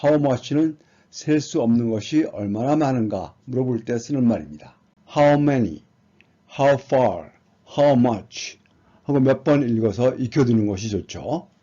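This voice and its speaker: A man gives an exam prep lesson, reading words aloud and patiently explaining each one. He speaks very slowly in a husky, mellow voice. The recording sounds dull and lo-fi. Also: mid-range voice, animated. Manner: slow, patient explaining, reading English words then glossing them. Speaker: English teacher.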